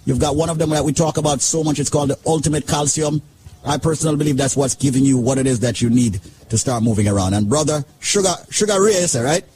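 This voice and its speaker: A man's voice: fairly high pitch, fast, noisy background. A man hosting a radio talk show, upbeat and persuasive with a sing-song lilt. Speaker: radio host.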